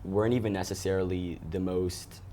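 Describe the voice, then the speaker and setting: A teenage boy from Ethiopia, a student guest in an interview, talking eagerly and quickly with many restarts. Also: low-pitched, little pitch movement, warm tone, a little hiss or hum. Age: teens.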